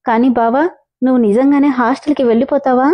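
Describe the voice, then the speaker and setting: A woman's voice: sits high, fairly even intonation, fast, dull audio. A woman voicing a sulky little village girl who whines and sobs through her lines in a storybook reading. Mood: tearful. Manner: whiny, sobbing, petulant.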